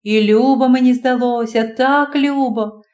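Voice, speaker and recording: A woman narrating a classic story as an audiobook, expressive and dramatic. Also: a little high, measured pace. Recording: roomy echo.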